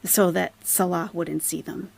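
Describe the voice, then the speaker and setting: Hosting a casual live commentary stream on YouTube, a woman explains things emphatically to her viewers and throws in rhetorical questions. Her voice is on the low side, gravelly and a little mellow, with a steady tone and an unhurried pace.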